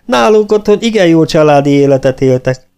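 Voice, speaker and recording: A carefree, oblivious young recruit, as a man reads him out, chattering away in a raised, lively voice. Warm, mellow tone with wide swings of pitch, a storybook comedy character. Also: smooth. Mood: cheerful. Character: naive cheerful long-faced male recruit.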